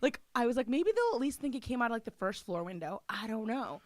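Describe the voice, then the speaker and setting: A young woman telling a funny personal story in casual chat, animated and laughing, with lots of "like". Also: on the high side, fast talker, no echo, studio quality. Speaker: guest.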